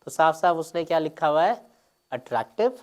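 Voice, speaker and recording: A man's voice: on the high side, big pitch swings, normal speed. Man explaining exam answers step by step. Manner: explains step by step, mixing Hindi and English, with frequent check-ins. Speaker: teacher. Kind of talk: exam paper explanation lecture.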